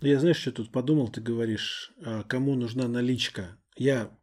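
This podcast co-host has a medium-pitched, darkish voice with fairly even intonation and a moderate pace. In a casual studio chat captured close on the mic, he narrates small imagined scenarios and voices pretend remarks.

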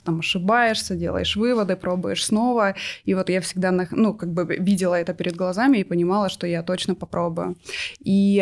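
A woman's voice: medium pitch, a little mellow. A woman in her thirties from Russia, a guest entrepreneur speaking in a chatty, enthusiastic podcast interview with frequent fillers. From Novosibirsk, Russia. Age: 30s. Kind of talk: conversational interview.

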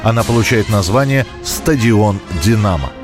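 A man's voice: fairly low pitch, normal speed. A man reading scripted history documentary narration with music playing behind him. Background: background music.

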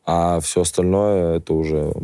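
A man's voice: deep voice, steady tone, normal speed, mellow, dry recording. A man guest in a radio studio interview, talking casually and emphatically, pushing his opinions hard. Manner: emphatic, opinionated, rants with rising force.

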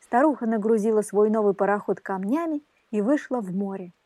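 A woman reading a fairy tale aloud in a lively, animated storytelling manner. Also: medium pitch, brisk, no echo.

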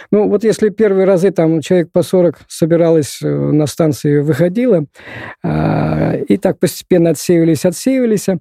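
A man's voice: on the high side, vocal fry, dark tone, no room sound, clean studio sound. A man in his sixties, a guest in a podcast interview, telling long rambling stories with lots of filler words. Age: 60s. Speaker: podcast guest, hiking expert. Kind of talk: casual interview chat.

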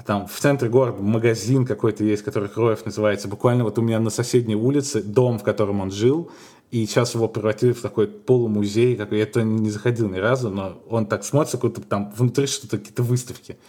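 A man co-hosting a podcast, chatting casually and telling stories in a musing, unhurried way with small hesitations. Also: lowish voice, fairly even intonation, warm tone. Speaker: podcast co-host.

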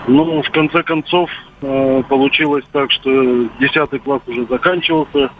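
A man in his fifties calling into a radio show over a landline phone, telling his story haltingly with many pauses and filler sounds. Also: medium pitch, fairly even intonation. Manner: hesitant, filled with "uh" pauses and hedging phrases. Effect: heard over a landline phone. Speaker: caller. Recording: tinny phone line, faint noise.

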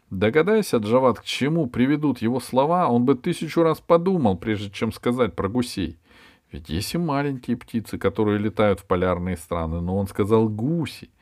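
A man narrating a children's adventure book in a calm, steady reading manner. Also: fairly low pitch. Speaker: audiobook reader. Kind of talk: storybook narration.

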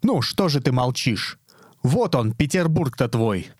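A man's voice: medium pitch, sing-song, measured pace, a little mellow, no echo. A man voicing a stern elderly priest pleading with his daughter, in a dry, firm voice. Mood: reproachful. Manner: pleading, then bitterly ironic. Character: stern elderly male village priest, a father.

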